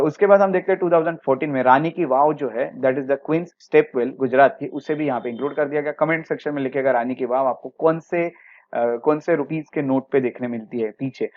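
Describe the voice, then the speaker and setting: A man's voice: mid-range voice, highs cut off. A man with an Indian accent teaching a history lecture for exam preparation, explaining step by step and mixing English words into his speech.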